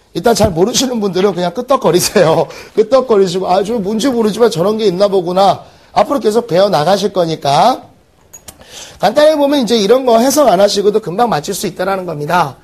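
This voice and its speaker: A man teaching an exam-prep English lesson, firing quick rhetorical questions at the class. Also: high voice, darkish tone, slightly rough. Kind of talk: recorded exam-prep lecture.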